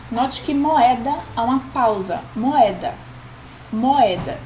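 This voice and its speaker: High-voiced patient woman teaching grammar. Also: a little mellow, a little hiss or hum, rough recording. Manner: patient, checks in with "ok?". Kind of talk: explaining a grammar lesson.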